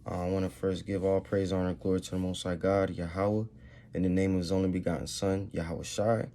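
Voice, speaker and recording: A man teaching from scripture in a loose, casual way, reading the old verses slowly and then explaining them in street slang, often stumbling and repeating words. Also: low voice, flat delivery, mellow, slight background noise. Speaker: bible teacher.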